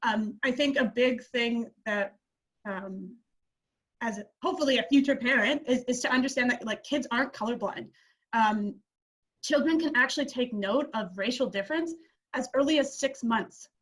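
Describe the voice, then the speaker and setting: A woman's voice: fairly high pitch, moderate pace, fairly bright tone, rough recording. A young woman on a video call speaking hesitantly, with many fillers. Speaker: panelist. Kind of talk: virtual panel discussion.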